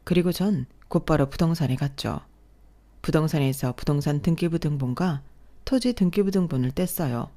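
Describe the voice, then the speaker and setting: A woman, possibly a synthetic voice, narrating a first-person marriage story in a steady, confiding tone. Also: sits low, moderate pace.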